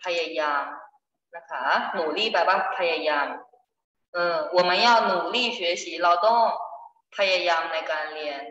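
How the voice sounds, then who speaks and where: Slow, patient woman teacher in an echoey classroom. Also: lowish voice, a bit bright. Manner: slow, patient explaining with repeated examples. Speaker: Chinese language teacher. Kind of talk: classroom vocabulary lesson. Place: school classroom. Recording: echoey classroom, far off, dull.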